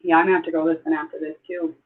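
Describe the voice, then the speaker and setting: An older woman hosts a casual livestream, chatty and quick to get excited, with exclamations and rambling asides. Her voice comes through thin and phone-like, as if it were captured on a handset or webcam. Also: low-pitched, slightly rough. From Southeast Idaho, USA. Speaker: livestream host. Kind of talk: casual live-stream chat. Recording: tinny phone-like sound.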